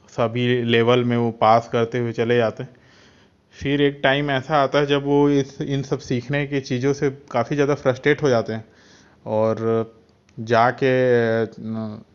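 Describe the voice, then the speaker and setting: Flat-voiced man retelling a film plot. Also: medium pitch, clean tone. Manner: unhurried, halting retelling. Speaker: film channel host. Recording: dull lo-fi recording.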